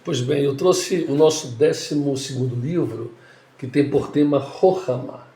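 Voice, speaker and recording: Calm pastor in his fifties, mellow voice, echoey room. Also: medium pitch. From Salvador, Bahia, Brazil. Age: 50s. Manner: measured, calm explanation. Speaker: pastor and author. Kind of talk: guest interview.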